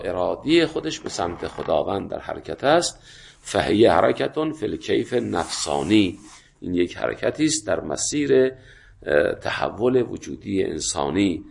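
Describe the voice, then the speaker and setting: A man with an Iranian Persian accent, stuffed up with a cold, teaches religious philosophy in a halting, deliberate lecture, reading and explaining a classical text. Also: lowish voice, creaky.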